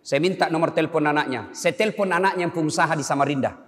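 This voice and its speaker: Animated preacher with a hall echo. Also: male voice, a little high, fast. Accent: Makassar. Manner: animated storytelling, acting out dialogue. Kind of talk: sermon. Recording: long hall reverb.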